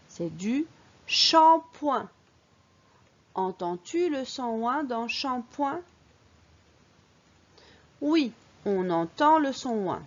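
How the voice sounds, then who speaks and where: A woman teacher with a fairly high, lively voice walks young children through a phonics lesson. She talks slowly and clearly and lifts each key word in a sing-song way. The recording sounds a bit dull and lo-fi. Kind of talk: early-reading phonics lesson.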